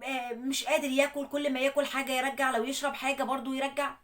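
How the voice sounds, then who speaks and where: A woman with an Egyptian Arabic accent, hosting a show where she retells a viewer's problem as an animated story, acting out the people's lines. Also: high voice, fast. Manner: animated retelling with quoted dialogue. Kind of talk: storytelling monologue.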